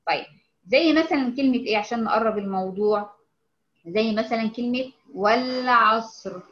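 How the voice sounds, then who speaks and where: Egyptian woman teaching recitation, high voice, patient and repetitive, lo-fi sound. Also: a bit bright, roomy sound. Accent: Egyptian Arabic. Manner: explains patiently, models words slowly and repeats them. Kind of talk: informal online lesson.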